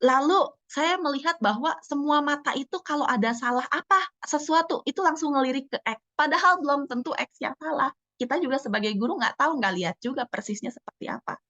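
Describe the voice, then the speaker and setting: Woman teacher, lively seminar talk. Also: high voice, a little fast, few pauses, dry recording. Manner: acts out children's voices. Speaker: teacher and speaker. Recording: dull lo-fi sound.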